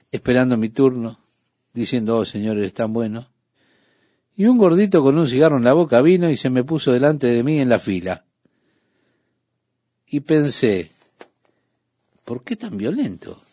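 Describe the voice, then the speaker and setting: A man's voice: fairly high pitch, warm tone, dry recording. A man preaching a radio sermon, telling stories and acting out his own outbursts. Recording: dull lo-fi dry studio recording.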